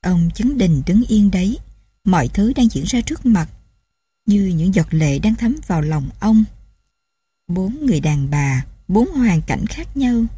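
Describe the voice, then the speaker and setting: Mellow, husky woman narrating a novel. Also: medium pitch, a little slow, dry recording. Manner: steady, emotive storytelling. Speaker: audiobook narrator. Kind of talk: scripted narration.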